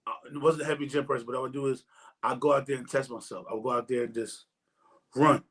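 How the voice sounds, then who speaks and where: A husky, fairly bright mid-range voice belongs to a man in his forties hosting a podcast. He speaks quickly and steadily, rambling in a casual way and repeating himself while circling toward his point.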